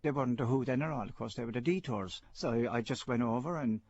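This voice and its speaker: A man's voice: medium pitch, fast, a little mellow. A man in his sixties with a Cork accent, reminiscing chattily and self-mockingly, in a dull radio recording. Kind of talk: personal reminiscence.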